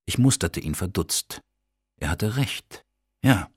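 A man narrating an audiobook in a husky, measured, matter-of-fact voice. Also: deep voice, animated, no echo, clean studio sound.

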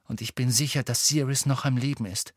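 A man's voice: medium pitch, fairly even intonation, brisk, no room sound, studio quality, close to an everyday voice. A man voicing an anxious, angry teenage wizard boy who talks in a snappish, agitated way.

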